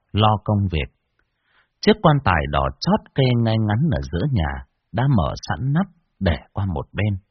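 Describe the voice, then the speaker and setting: Husky low-voiced male storyteller. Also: no room sound, dull audio. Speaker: narrator. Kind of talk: scripted horror story narration.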